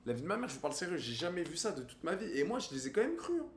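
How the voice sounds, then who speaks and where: A man's voice: a little high, big pitch swings, very fast, a little hiss or hum. A man with a French accent streaming casually, crude and joking, mixing in English and Spanish. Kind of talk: casual live-stream chat.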